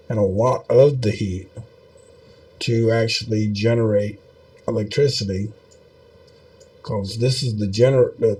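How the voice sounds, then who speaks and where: Man, low-pitched, warm mellow tone, folksy and rambling. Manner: folksy, meandering, with many fillers. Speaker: video host. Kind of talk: casual rambling commentary over a map.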